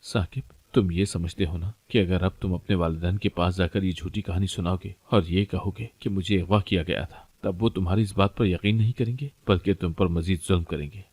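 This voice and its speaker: A man's voice: deep voice, fairly even intonation, hardly any pauses, a little mellow, dry recording. A man voicing an anxious, kind-hearted childless wife in a plain reading voice.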